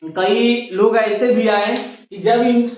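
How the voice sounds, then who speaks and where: A man's voice: high voice, fairly even intonation, slow. A man teaching Hindi pronunciation as a classroom lecture, patiently repeating sounds and asking questions he then answers himself. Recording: echoey room, distant lo-fi mic.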